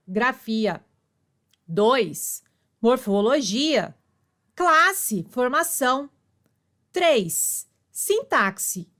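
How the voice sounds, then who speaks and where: A woman teacher reading a grammar lesson aloud, slow and deliberate, spelling words out syllable by syllable. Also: high voice, a bit bright.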